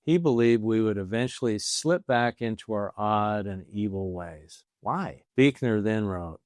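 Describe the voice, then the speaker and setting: Low-voiced older American grandpa telling a story. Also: male voice, expressive, a little mellow, no room sound, studio quality. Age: late 60s or older. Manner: grandfatherly storytelling, folksy and deliberate, with rhetorical questions. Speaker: storyteller giving a faith talk. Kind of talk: personal faith story, prepared talk.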